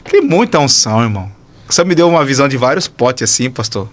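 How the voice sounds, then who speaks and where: A Brazilian man, a pastor, telling a testimony in an excitable, animated way, with shouts and sound effects. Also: medium pitch, quick pace. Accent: Brazilian Portuguese. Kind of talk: animated testimony in casual chat.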